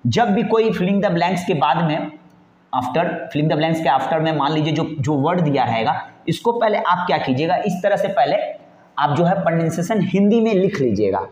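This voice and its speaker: A male teacher with a slightly high, expressive voice and a darkish tone gives an exam-prep grammar lesson at normal speed. He coaxes along, repeating points and answering his own questions. The room sounds echoey, dull, and lo-fi.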